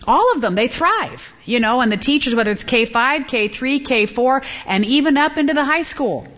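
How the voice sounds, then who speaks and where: A middle-aged woman teaching from the Bible to a women's gathering, earnest and climbing high and emphatic when she stresses a point, acting out the voices of children and parents. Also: expressive, normal speed, a bit bright. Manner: acts out quoted children and parents.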